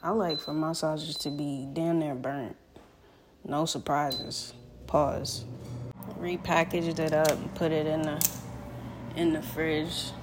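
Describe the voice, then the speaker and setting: A woman's voice: low-pitched, flat delivery, slow, long pauses, noisy background. A young woman chatting casually in a home kitchen, laid-back and slangy, rambling as she cooks. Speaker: vlogger. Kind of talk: casual chat while cooking.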